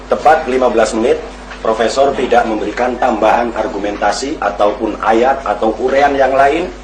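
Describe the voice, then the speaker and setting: A man moderating a formal debate, announcing time and introducing speakers in a measured way. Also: mid-range voice, reverberant, slight background noise, low-quality recording.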